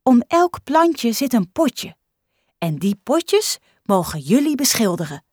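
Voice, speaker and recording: A woman voicing a patient female kindergarten teacher in a storybook reading, speaking gently and coaxingly. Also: on the high side, big pitch swings, takes it slowly, breathy edge, no echo, studio quality, pitched above the performer's own voice, exaggerated voice.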